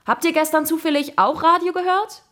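A woman voicing an excitable schoolboy who chatters eagerly. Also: fairly high pitch, fast talker, husky, pitched above the performer's own voice. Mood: excited.

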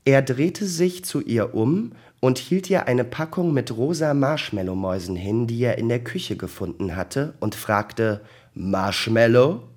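Slow, calm male audiobook narrator. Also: medium pitch. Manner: calm, measured reading.

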